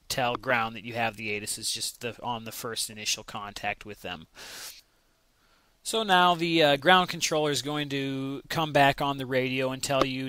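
A flight simulation instructor, an American man, walks through a lesson in a conversational, explanatory manner, carefully spelling out example radio calls. His mid-range voice is bright and forceful, with no echo.

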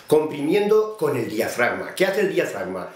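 A man's voice: medium pitch, big pitch swings, moderate pace, echoey room, background noise. A man giving a vocal technique lesson, explaining patiently and speaking to his student by name. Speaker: voice teacher.

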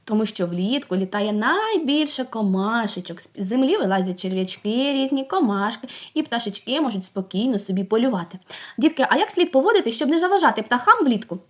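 A woman teaching a group of young children, asking coaxing questions, praising them and sounding out words slowly. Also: fairly high pitch, very animated. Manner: slow, drawn-out sounding out of words. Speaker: preschool teacher.

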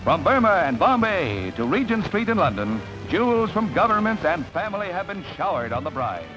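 Man, old newsreel narrator, high lively voice, dull lo-fi sound with music. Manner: brisk, upbeat announcer delivery.

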